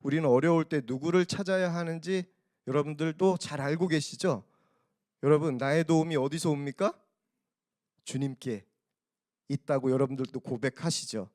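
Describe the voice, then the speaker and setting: A male pastor preaching a sermon, often asking the congregation questions, moving between loud emphasis and hushed, almost whispered lines. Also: a little high, normal speed, no echo, clean studio sound. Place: large church hall.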